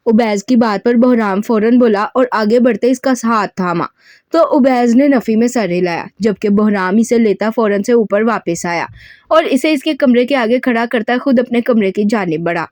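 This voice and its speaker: A woman's voice: a little high, a little mellow, no room sound, studio quality. A woman narrating an audio novel, reading the dialogue expressively and lifting her voice for quoted speech. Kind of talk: scripted narration with dialogue read in character.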